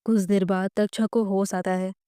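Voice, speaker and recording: Warm woman narrating a story recap. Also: medium pitch, little pitch movement, moderate pace, clean tone, no echo, clean studio sound. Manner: reads all characters' lines in near her own voice.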